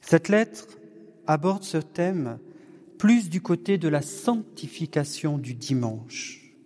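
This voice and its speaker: A man leading a discussion evening for his parish, speaking in a slow, measured way with touches of gentle humour. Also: fairly high pitch, animated. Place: church or parish hall with long reverb. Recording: long hall reverb, distant room mic.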